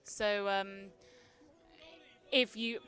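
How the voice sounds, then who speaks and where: A woman's voice: medium pitch, fairly even intonation, drawn-out words, a bit bright. A woman from Wales, a former player, giving live color commentary on a lacrosse game with chatty analysis and fillers.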